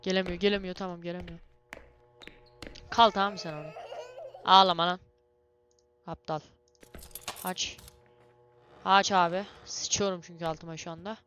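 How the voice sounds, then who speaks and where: A young woman doing let's-play commentary on a horror game, excitable and cursing, yelling at the monsters. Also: on the low side, normal speed, pauses often, faint music behind. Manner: excitable, swears and yells at monsters. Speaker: gamer playing a horror game.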